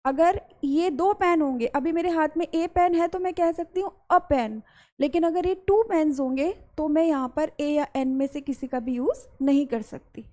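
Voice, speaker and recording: A woman's voice: high voice, moderate pace, warm tone. A woman with an Indian English accent teaching an English grammar lesson, mixing Hindi and English. She explains step by step and repeats key words. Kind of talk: classroom-style grammar lesson.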